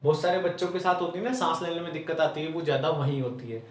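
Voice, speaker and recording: A fast-talking chemistry teacher from Rajasthan, India, with a higher-pitched voice delivers a classroom lecture, asking himself rhetorical questions, answering them, and finishing almost every point with "theek hai." Captured from a distance with roomy echo and slight background noise.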